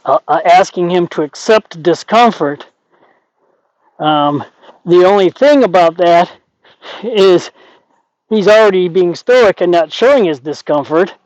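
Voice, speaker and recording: A man's voice: sits high, animated, measured pace, pauses often, darkish tone, no echo. An older man working as a horse trainer, explaining things in casual talk and often acting out imagined quotes. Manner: conversational, acts out imagined quotes. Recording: dull lo-fi audio.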